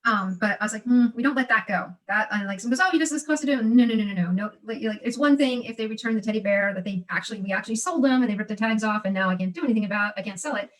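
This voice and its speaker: A woman's voice: medium pitch, rapid-fire, few pauses, recorded from a distance, rough recording. A woman who sells online, talking casually and animatedly, often acting out what she and her customers say. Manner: animated, acts out customers and herself in quotes. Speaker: guest seller. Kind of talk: casual conversation.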